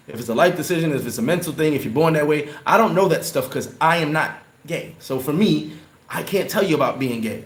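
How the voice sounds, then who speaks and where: A man hosting a casual livestream, answering his chat in a loose, rambling way and repeating words when he gets worked up. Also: a little high. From New York. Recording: roomy echo.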